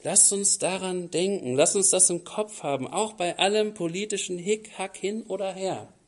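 Preacher with a slightly high voice. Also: male voice, moderate pace. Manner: reads scripture loudly, then comments in a casual, chatty tone; repeats words for emphasis. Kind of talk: sermon reading and explaining scripture.

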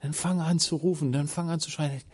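A man preaching a sermon, dropping to hushed tones and rising to loud appeals, acting out biblical dialogue. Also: on the high side, fairly even intonation, brisk, slightly rough.

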